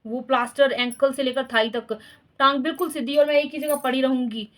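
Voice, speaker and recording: A woman's voice: high-pitched, fairly even intonation, fairly quick. A woman in her thirties from India, casually chatting to her followers, confiding and laughing as she talks. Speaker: vlogger.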